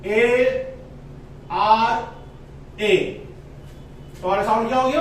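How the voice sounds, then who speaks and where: A man with a very high voice teaches a phonics lesson, drawing out each letter and vowel slowly. He sounds set back from the microphone in a strongly echoing room, with faint ambient noise behind him. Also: distant mic. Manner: slow, drawn-out spelling of letters and words, stressing vowel sounds.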